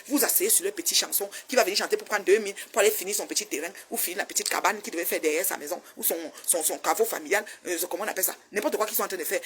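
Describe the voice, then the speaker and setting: Fast-talking woman in her fifties ranting. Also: mid-range voice, a little hiss or hum. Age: 50s. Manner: animated, repetitive, scolding. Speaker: online commentator. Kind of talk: casual ranting commentary.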